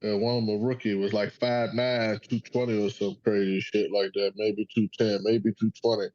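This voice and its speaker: A man's voice: lowish voice, level tone, moderate pace, darkish tone, no room sound, dull audio. A man hosting a casual sports podcast, rambling and profane, joking with his son over a call. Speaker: podcast host.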